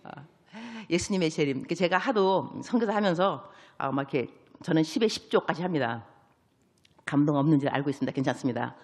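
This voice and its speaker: A woman missionary preaching an evangelistic sermon, telling Bible stories in a lively way, acting out the dialogue and dropping English words into her talk. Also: low voice, fairly quick. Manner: sprinkles English words into speech. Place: large church sanctuary. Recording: long reverb of a church hall.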